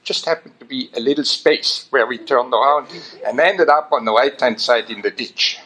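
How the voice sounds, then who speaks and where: A man from Switzerland, telling an animated anecdote at a memorial. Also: medium pitch, normal speed. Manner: animated anecdote with voiced quotes. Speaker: memorial speaker. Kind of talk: storytelling at a memorial.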